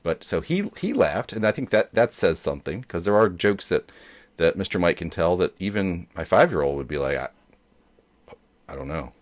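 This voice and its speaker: A man's voice: low voice, big pitch swings, brisk. A man hosting a joke show in casual chat, rambling along with many hesitations. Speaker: host of a dad joke show.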